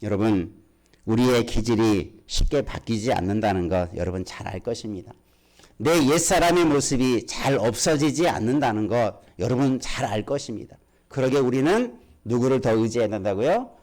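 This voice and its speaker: A man's voice: mid-range voice, animated, moderate pace, a little mellow. A male pastor delivers a sermon in a mid-range voice. He puts questions to the congregation and lets his voice climb sharply to emphatic peaks before settling back down.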